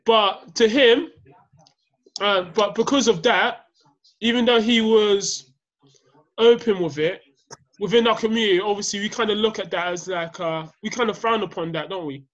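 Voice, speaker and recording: A man's voice: high-pitched, normal speed, a bit bright, muffled recording. A young man with a London roadman accent, steering a casual discussion in slang, often repeating his phrases. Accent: London, urban street slang.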